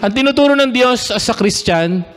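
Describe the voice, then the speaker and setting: A man's voice: very high voice, animated, normal speed, fairly bright tone, big-room sound. A man preaching a sermon, mixing in English and often asking the congregation for responses.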